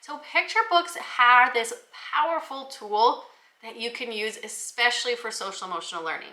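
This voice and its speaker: A woman educator gives an informal, conversational talk recommending books for the classroom, explaining as she goes. Her voice is fairly high, pushed and bright, and echoes in a reverberant space.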